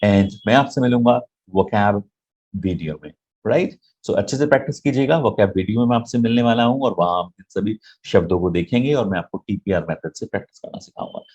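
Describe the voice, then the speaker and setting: A man's voice: lowish voice, brisk, a little mellow, breathy edge, lo-fi sound. Man teaching English in Hindi. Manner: explains in Hindi mixed with English, often checking with "right?". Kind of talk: online grammar lesson.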